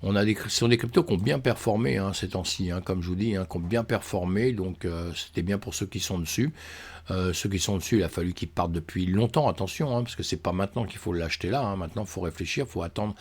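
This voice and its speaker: A man's voice: sits low, quick pace, husky. A man hosting a trading channel, casually walking viewers through charts and thinking aloud with lots of fillers and friendly asides. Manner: tosses in "hein" and "mes amis", thinks aloud with many fillers. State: voice cracking, coughing. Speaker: crypto trading channel host. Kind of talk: casual chart analysis walkthrough.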